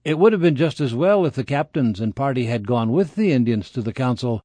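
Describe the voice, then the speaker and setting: A man's voice: mid-range voice, lively intonation, fairly quick, dark tone, dry recording. A man reading scripted history as a radio documentary narrator.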